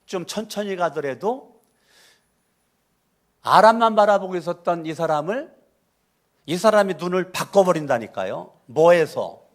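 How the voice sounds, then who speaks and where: Brief: male pastor from Chungcheong, punchy sermon delivery with call-and-response, voice sits a little high. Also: lively intonation, measured pace, pauses often. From Chungcheong, Korea. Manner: emphatic, repetitive, calls for congregation responses. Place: church sanctuary.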